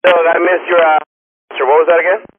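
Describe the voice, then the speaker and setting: A man on a ham radio net, heard through a radio transmission, slowly reading exam questions and repeating the options. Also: a little high, little pitch movement. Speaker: radio net quiz reader. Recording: tinny ham radio with faint static.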